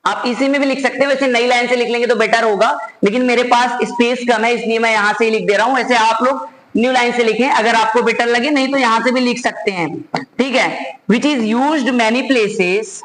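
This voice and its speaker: A man with an Indian accent teaching a computer class, dictating notes slowly word by word and switching to quicker asides addressed to his students. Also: extremely high pitch, steady tone, fairly bright tone. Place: classroom at a board. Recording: echoey room, faint background noise.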